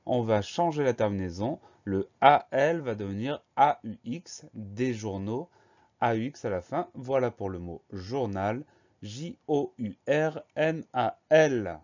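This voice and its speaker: A man's voice: mid-range voice, a little mellow, dull audio. A man teaching a spelling lesson, patiently spelling each word out letter by letter.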